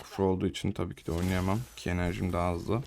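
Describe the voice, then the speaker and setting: A man's voice: deep voice, little pitch movement, very fast, creaky, background noise. Chatty young man calling his game. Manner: casual, chatty, slangy, talks to viewers and teammates. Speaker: gaming streamer. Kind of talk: live gameplay commentary.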